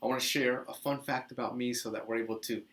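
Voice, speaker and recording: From a small indoor office furnished with a couch, a thirty-something Dominican man teaches casually to camera as the video's host. His speech is fast and mid-pitched, his manner animated and talkative, with plenty of gestures and restarts.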